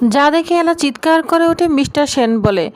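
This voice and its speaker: A woman narrating a fast recap of a TV serial episode, reading every character's lines in her own voice. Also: sits high, expressive, low-quality recording. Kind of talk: fast storytelling recap with read-out dialogue.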